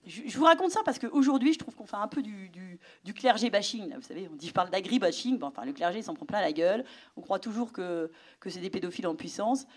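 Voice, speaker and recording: A woman's voice: mid-range voice, fast. A middle-aged woman giving a personal testimony to an audience, telling her story with animation and sometimes dropping to a whisper. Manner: animated storytelling, drops to a whisper for inner thoughts.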